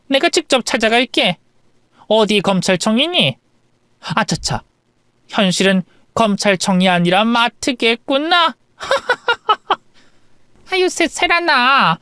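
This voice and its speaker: A man's voice: high voice, fairly bright tone, clean tone, no echo, clean studio sound. A man voicing a sneering, mocking middle-aged woman bully in a story radio drama. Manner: mocking, cackling.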